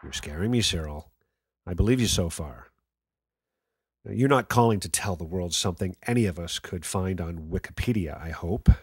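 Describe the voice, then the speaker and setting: In a radio play, a man plays a skeptical late-night talk radio host, challenging callers with wry, sardonic banter. His fairly low, slightly rough voice moves at normal speed and is recorded close and dry, with no room sound.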